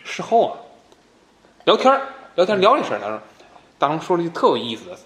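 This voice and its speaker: A man's voice: a little high, huge pitch swings, fast, fairly bright tone, roomy sound. A man telling a workplace story in a casual podcast chat, laughing often and trailing off into mumbles. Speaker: podcast co-host.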